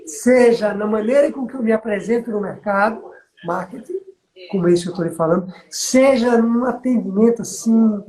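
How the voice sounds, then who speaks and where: Here the voice is high, mellow and moderately paced, with plenty of reverb and poor audio quality. The speaker is a middle-aged man from Bahia, Brazil, with a Northeastern accent, acting as a chatty business mentor who tells stories and seeks the listener's agreement.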